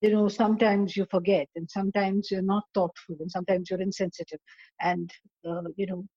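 Halting, reflective woman, slightly dull audio. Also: mid-range voice, level tone, mellow, breathy edge, no room sound. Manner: halting, explains through hypothetical examples. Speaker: discussion guest. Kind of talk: reflective conversation.

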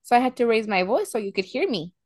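Animated young woman telling stories. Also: fairly high pitch, quick pace, no echo, clean studio sound. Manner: animated storyteller, acts out scenes. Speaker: podcast co-host. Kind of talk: casual chat.

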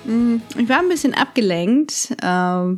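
Higher-voiced woman, podcast co-host. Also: expressive, measured pace, soft background music. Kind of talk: casual podcast chat and scripted episode recaps.

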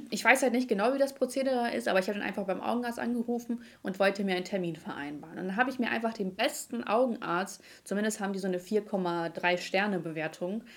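An animated woman telling a story on a casual podcast, slangy and quick to laugh. Her voice sits at a middling pitch for a woman. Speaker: podcast host.

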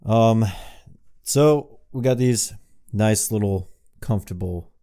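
A man's voice: on the low side, slow, warm tone, clean tone. A man co-hosting a casual podcast, blunt and teasing, swearing constantly. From lives in Hawaii. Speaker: podcast co-host. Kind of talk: casual chat.

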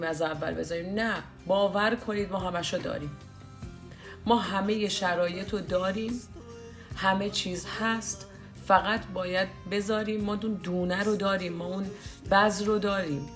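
A woman with a lowish voice speaks earnestly in a relaxed discussion. She argues her point persuasively and slips into small acted-out exchanges. Faint music plays quietly behind her. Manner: earnest, persuasive, acts out little dialogues. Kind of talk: casual discussion.

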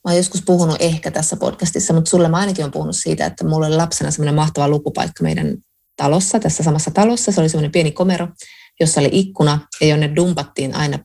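A woman's voice: low voice, creaky. Laughing woman podcast co-host. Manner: lively, laughing storyteller. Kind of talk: casual chat.

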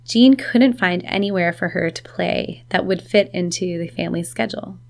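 A woman reporter narrating a scripted news feature in a measured tone. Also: on the low side, vocal fry, darkish tone. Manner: measured, informative.

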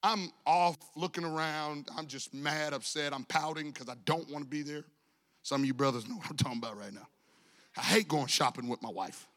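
A man preaching a storytelling sermon in a church, animated and acting out the people in his story. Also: on the high side, fairly quick, big-room sound. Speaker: pastor. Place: church sanctuary.

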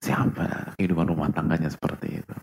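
Male preacher, low and gravelly, sermon delivery with hushed asides and loud peaks. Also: level tone, fast. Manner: rhetorical questions to the audience, swings between soft and loud. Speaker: Islamic preacher.

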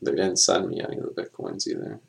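A man with a very low, gravelly voice chats on a casual podcast. His delivery is a flat monotone full of fillers, and he coughs now and then. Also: quick pace. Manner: filler-heavy, rambling. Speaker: podcast co-host.

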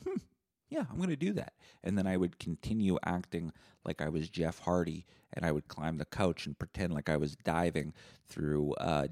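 A man hosting a solo podcast, telling rambling, profane stories in a deadpan way. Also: deep voice. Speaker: podcast host.

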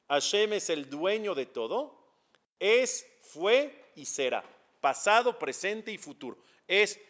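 A man's voice: on the high side, fairly bright tone, lo-fi sound. A man with a Mexican accent, a rabbi teaching a religious class, who speaks emphatically and puts questions straight to his listeners. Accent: Mexican Spanish.

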